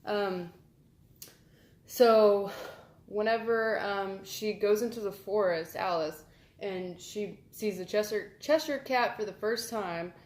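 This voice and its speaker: A woman talks to camera in a loose, rambling way. She leans on fillers and sounds amused. Her voice sits at a middling pitch, and the recording has a roomy echo. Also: takes it slowly, a little mellow. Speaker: vlogger. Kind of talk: casual chatty vlog.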